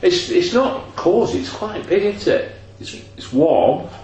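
A man's voice: high voice, very animated, a little slow, darkish tone. A man with a bit of a cold hosting a casual football podcast, rambling and joking with fillers, his voice ringing with strong room echo. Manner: rambling, jokey, trails off with fillers. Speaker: podcast host. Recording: echoey room with faint noise.

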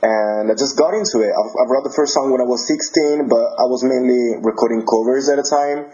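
A man's voice: medium pitch, a little fast, dark tone, muffled recording. A young man in his twenties from Italy, speaking English with an Italian accent as a guest musician, friendly and laughing easily while he searches for words. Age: 20s. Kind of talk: casual interview.

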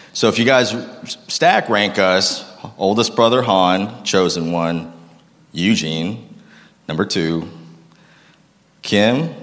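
Man, 30s, from Massachusetts, low voice, casual self-deprecating storytelling, long hall reverb. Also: fairly bright tone. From Massachusetts, United States. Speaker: speaker sharing his life story. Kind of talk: personal testimony talk to an audience. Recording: long reverb of a large room.

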